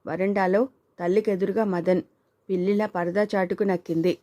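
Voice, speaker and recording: A woman's voice: mid-range voice, steady tone, normal speed, dark tone, no echo. A woman narrating a family story as an audiobook and voicing its characters in her own voice. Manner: reads all characters, male and female, in her own voice.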